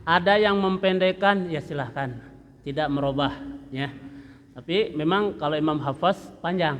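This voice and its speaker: A man's voice: on the high side, moderate pace, a bit bright, slight background noise. A man with a Sundanese Indonesian accent teaching Quran recitation at a mosque study session, drawing out and chanting phrases to demonstrate them. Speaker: religious teacher. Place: mosque hall. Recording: long echo of a mosque hall.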